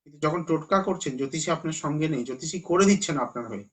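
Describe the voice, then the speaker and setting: A man's voice: fairly high pitch, expressive, very fast. A man with a Bengali accent, an astrologer on a live stream, lecturing viewers earnestly and urging them to listen.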